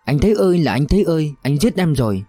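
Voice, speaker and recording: A man voicing a young woman in labor, wailing in drawn-out cries for her husband. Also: on the high side, sing-song, dark tone, no room sound, soft background music, voice pushed up. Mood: anguished.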